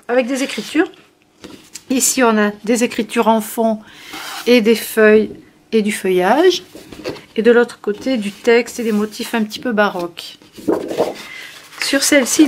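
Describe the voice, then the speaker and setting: A woman's voice: fairly high pitch, noisy background. A woman casually showing new scrapbooking papers and tools from her shop, talking with frequent hesitations and fillers. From France. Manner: hesitant, many fillers, friendly. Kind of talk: casual product show-and-tell.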